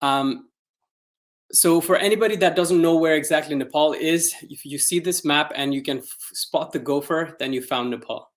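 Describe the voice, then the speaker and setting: Man, slightly high voice, friendly, relaxed presentation. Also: normal speed. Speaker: conference speaker.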